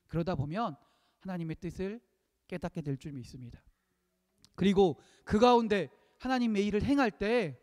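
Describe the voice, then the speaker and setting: High-voiced man preaching in a reverberant church. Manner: emphatic, repeats key phrases, swings between loud peaks and hushed lines. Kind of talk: sermon. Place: church sanctuary. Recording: long reverb of a church hall.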